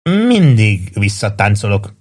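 A man reading aloud and voicing a drunk, blustering middle-aged army sergeant who talks loud and drawn out. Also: on the low side, sing-song. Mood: swaggering.

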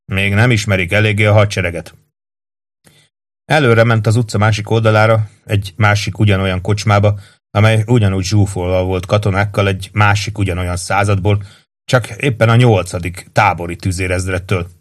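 A man narrating a novel aloud in an even, steady storytelling manner. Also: lowish voice.

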